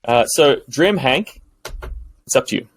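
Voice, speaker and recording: A man narrating a tabletop game as game master, in a lively, animated way. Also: mid-range voice, unhurried, no echo, low-quality recording.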